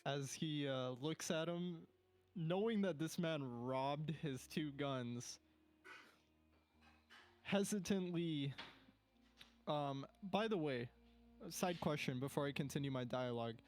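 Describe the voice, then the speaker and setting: A man's voice: a little high, slow, long pauses, darkish tone, soft background music. A man playing a tabletop game, describing his character's actions in a hesitant, rambling way. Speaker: player.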